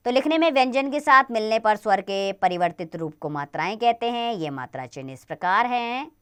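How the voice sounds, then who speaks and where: A woman teaching a grammar lesson to children, spelling out sounds slowly and deliberately. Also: on the high side, lively intonation, a bit bright, clear, resonant tone.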